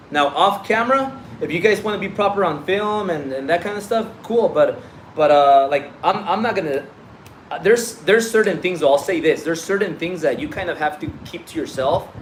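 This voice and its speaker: This low-quality phone livestream carries a little hiss or hum. On it, a man from Mexico with a fairly high voice gives blunt, casual business coaching in his Mexican Spanish accent, since Spanish is his first language. He swears often and repeats himself.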